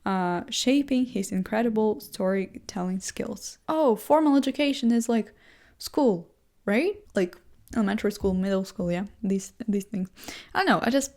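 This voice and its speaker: Seated indoors in a chair, a young woman vlogger who speaks English as a second language muses aloud in a loose, rambling way at normal speed. Her middle-pitched, chatty talk keeps restarting with fillers as she pokes fun at herself.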